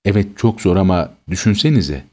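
A man's voice: low voice, expressive, a little fast, darkish tone. A man voicing a grieving middle-aged mother who begs through tears, in a pleading voice, within a read-aloud story. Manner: pleading, tearful.

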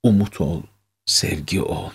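Man doing a soft-hearted older mom, warm and urging, low husky voice. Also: unhurried, full character voice. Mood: motherly. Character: tender-hearted older mother comforting her son.

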